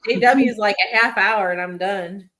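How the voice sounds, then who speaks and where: A woman chatting on a live show after a long, sleepless day. She sounds tired but stays wry. She answers quickly with dry, teasing jokes. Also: mid-range voice, fairly bright tone. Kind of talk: casual chat.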